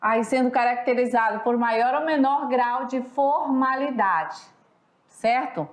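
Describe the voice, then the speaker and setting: A woman's voice: fairly high pitch, unhurried. A woman with a Brazilian accent teaching a recorded class. She talks in a chatty way and keeps checking in with her students. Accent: Brazilian Portuguese. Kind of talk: recorded online class lecture. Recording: echoey room.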